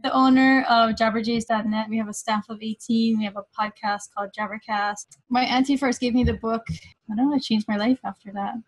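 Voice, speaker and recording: A woman's voice: fairly high pitch, fairly even intonation, fairly quick, dry recording, low-quality recording. A woman judging a trivia show, talking casually about her fan site. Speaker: judge, fan site owner. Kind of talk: casual remarks.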